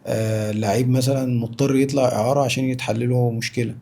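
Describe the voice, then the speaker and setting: A man's voice: mid-range voice, fairly even intonation, quick pace, vocal fry, mellow. A man with an Egyptian Arabic accent in natural, unscripted interview talk as a guest, insistent and repeating himself for emphasis. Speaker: interview guest, former professional footballer.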